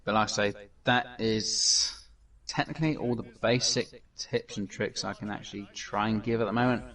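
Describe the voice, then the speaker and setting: Low-voiced man, rambling game talk. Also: fairly even intonation, moderate pace, fairly bright tone, far from the mic. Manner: rambling, with many fillers and restarts. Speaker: gaming channel host. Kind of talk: casual gameplay commentary.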